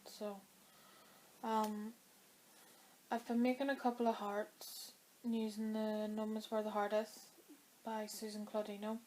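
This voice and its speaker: Chatting to camera about her knitting, a woman rambles with lots of fillers, her throat dry because she's coming down with a cold. Her mid-range voice is warm but flat and unhurried, and the poor audio carries a little hiss or hum.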